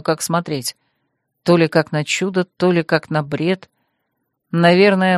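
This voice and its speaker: A woman reading aloud who voices a young male mage, dropping her voice low and speaking earnestly and with measure. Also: clear, resonant tone, no room sound, clean studio sound, natural voice. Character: young male mage, wary then apologetic.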